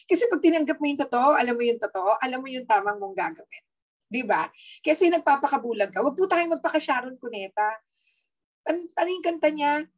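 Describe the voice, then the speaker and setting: A woman with a Filipino accent giving a lively, chatty health talk, mixing in teasing asides and frequent tag questions. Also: sits high, fairly quick, rough recording. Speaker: health speaker.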